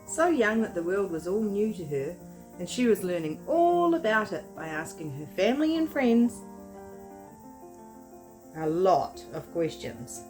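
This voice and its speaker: Woman reading a lively toddler story. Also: medium pitch, measured pace, faint music behind, low-quality recording. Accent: New Zealand. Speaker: children's librarian. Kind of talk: storytime read-aloud.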